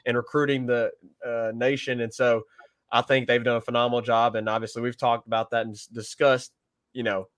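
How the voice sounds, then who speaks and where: Male co-host, smooth resonant voice, confident chat. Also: mid-range voice, flat delivery, brisk, a bit bright. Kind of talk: casual chat.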